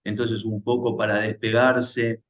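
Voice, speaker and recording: A man's voice: fairly low pitch, flat delivery, a little slow. A man interviewing a guest, giving short acknowledgements and prompting questions.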